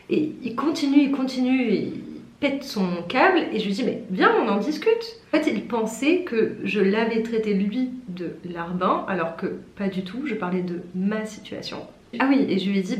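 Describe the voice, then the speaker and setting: A young woman in her twenties from France, telling a story in a chatty, self-mocking way and acting out the people in it with a raised voice. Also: mid-range voice. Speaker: pharmacy student vlogger. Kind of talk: casual storytelling vlog. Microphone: camera mic. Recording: roomy echo.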